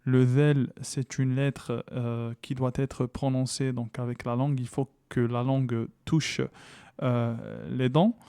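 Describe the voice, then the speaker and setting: A man teaching Quran recitation rules in a lesson, patiently explaining and repeating sounds slowly with emphasis, in a dry close recording. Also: medium pitch, little pitch movement, mellow, smooth, dry recording.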